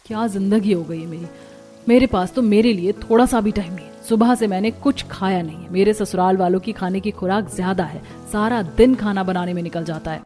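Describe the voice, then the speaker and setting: A woman's voice: mid-range voice, a little fast, mellow, faint music behind, close to an everyday voice. A woman voicing an overworked young daughter-in-law in a cartoon, complaining and exasperated. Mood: weary. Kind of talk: Hindi cartoon voice acting.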